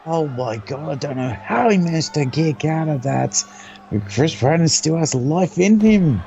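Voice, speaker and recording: A man's voice: a little high, lively intonation, normal speed, creaky, warm tone, muffled recording, slight background noise. A man working as a wrestling co-commentator, informally describing the moves and backing up the calls.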